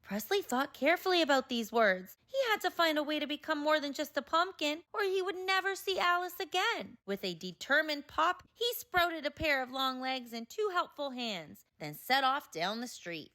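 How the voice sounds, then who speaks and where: Lady doing a kids read aloud, high pitched and super animated, really acts out the story. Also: normal speed, few pauses. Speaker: children's storybook reader. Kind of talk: expressive children's read-aloud narration.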